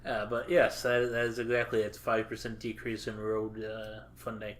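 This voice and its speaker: A man casually chatting on a podcast as co-host, halting with lots of filler pauses and dry, crude jokes. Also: on the low side, monotone.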